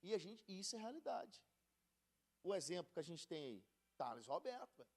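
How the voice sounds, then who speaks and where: A Brazilian man preaching in a loose, conversational way, dropping slang as he teaches a Bible study. His voice sits high for a man and swings widely up and down with animated emphasis. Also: fairly quick. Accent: Brazilian Portuguese. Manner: slangy and conversational, animated, calls listeners buddy. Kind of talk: casual Bible study sermon.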